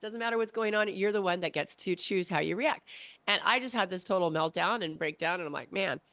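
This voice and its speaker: Woman, 40s, animated interview guest recounting her story, recorded dry. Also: fairly low pitch, a little fast, dry recording. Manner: animated, acts out her own past voice in quotes. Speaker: podcast guest.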